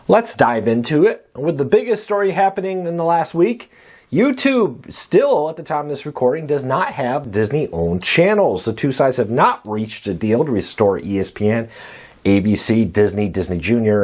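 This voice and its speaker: A man hosting a news roundup show, talking in a brisk, conversational way, his voice still weak after a cold. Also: mid-range voice, darkish tone, slightly rough. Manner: brisk, conversational delivery with rising emphasis. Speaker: host.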